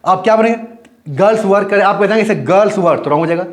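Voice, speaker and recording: A man teaching English grammar in Hindi, explaining step by step with English terms and quick checking questions. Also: high voice. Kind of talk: Hindi classroom lesson.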